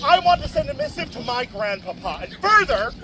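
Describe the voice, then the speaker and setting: A man's voice: wildly swooping pitch, fairly quick, recorded from a distance, a crowd in the background, full character voice. A man playing an indignant rebel king on trial in hammy, theatrical live faire acting. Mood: pompous defiance. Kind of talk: live faire stage performance. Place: outdoors at a medieval faire. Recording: noisy outdoor faire with traffic rumble.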